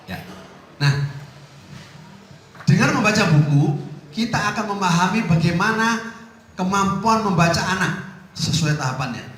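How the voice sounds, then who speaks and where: A middle-aged man, an Islamic teacher, giving a lively parenting talk to parents in a small prayer room. He swings between loud emphasis and soft asides. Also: high-pitched, unhurried, long pauses. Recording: echoey room with faint ambient noise.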